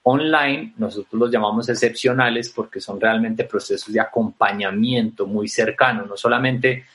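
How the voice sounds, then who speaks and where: Measured man explaining his company. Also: lowish voice, fairly bright tone. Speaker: guest, company representative. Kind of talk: explanatory interview answer.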